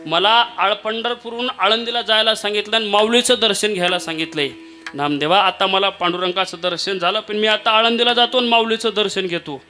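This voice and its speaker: Preacher doing a meek barber begging forgiveness, high earnest voice. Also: male voice, fairly quick, pushed and bright, faint music behind. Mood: pleading. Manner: pleading, earnest, emotional. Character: humble devoted male barber, pleading servant.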